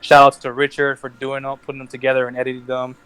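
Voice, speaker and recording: A young man hosting a casual group podcast, rambling through heartfelt shout-outs with restarts and laughs. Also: mid-range voice, monotone, fast talker, smooth. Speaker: podcast host.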